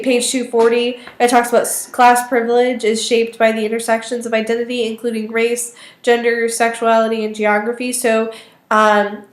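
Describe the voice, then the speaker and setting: A student vlogger in her twenties thinks aloud in a video response, casual and tentative, her voice weak and thin today and a little high. She's in a small indoor office or study, picked up by a webcam or laptop mic at arm's length, so the sound is roomy and echoey.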